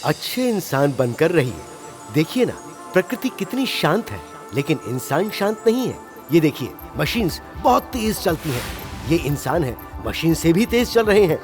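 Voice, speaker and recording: Male voice-over narrator, high and animated, wry asides to the audience, film score under him. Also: moderate pace, music in the background. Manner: wry, explanatory, addresses the audience.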